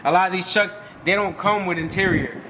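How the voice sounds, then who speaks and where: A man's voice: high-pitched, fairly even intonation, fairly quick. A man hosting a casual vlog, slangy and enthusiastic, swearing now and then. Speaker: vlog host. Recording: echoey, very noisy vehicle surroundings.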